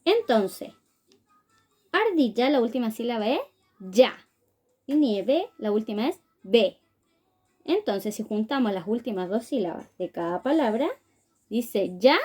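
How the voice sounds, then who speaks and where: Slow, high-voiced preschool teacher. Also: female voice, lively intonation, darkish tone, soft background music. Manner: slow, sounds out words syllable by syllable, encouraging. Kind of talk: online phonics lesson for young children.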